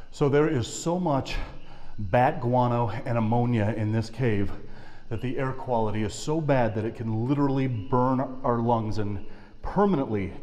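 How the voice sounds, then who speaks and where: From inside a rocky cave, a man in his forties hosts a wildlife adventure vlog, talking to viewers in an emphatic, informal way. His mid-range voice has a darkish tone. The recording echoes off the cave walls, with music playing behind him.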